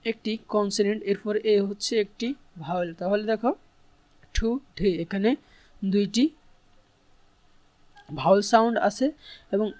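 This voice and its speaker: A man's voice: high voice, a little mellow, no echo. A man teaching English in an online tutorial. He explains patiently and spells words out letter by letter.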